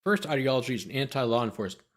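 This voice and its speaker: Very fast and expressive, a man with a mid-range voice runs through a document on his legal commentary show. As host and lawyer, he keeps breaking off for sardonic asides delivered off the cuff.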